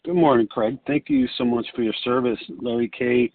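A man's voice: medium pitch, fairly even intonation, moderate pace, background noise. Man from Chicago, mid register, conversational meeting share, distant phone connection. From Chicago, United States. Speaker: member sharing at a recovery meeting. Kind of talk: personal sharing. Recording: distant, tinny phone line.

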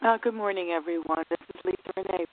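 A woman's voice: fairly low pitch, fast talker. A woman greeting a phone support meeting over a garbled, breaking-up connection that makes her sound underwater. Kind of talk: brief greeting on a group call. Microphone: phone on a conference call. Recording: faint, distant, glitchy phone line.

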